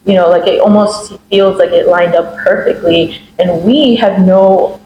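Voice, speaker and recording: Woman, young adult, from Miami, articulate, warm low tone, echoey room. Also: fairly even intonation, measured pace, highs cut off, slight background noise. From Miami, United States. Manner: articulate, builds on others' points. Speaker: guest. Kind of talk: casual discussion.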